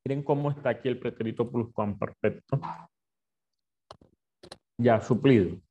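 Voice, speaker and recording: Man, Bible teacher, explanatory, repeats himself, dark relaxed tone, muffled recording. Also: medium pitch, measured pace, husky. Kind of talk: classroom Bible lesson.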